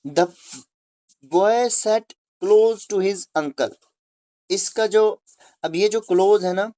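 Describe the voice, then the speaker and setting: Slow-paced male grammar teacher. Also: sits high, darkish tone. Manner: repetitive, checks with listeners, spells words letter by letter. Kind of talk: classroom lesson on pronunciation.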